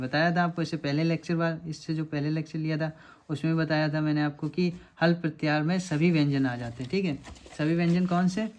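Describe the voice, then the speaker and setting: A man teaching a lecture, working through quiz questions step by step and often checking that students follow. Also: fairly high pitch. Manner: explanatory, repeats checks like "samajh rahe hain aap".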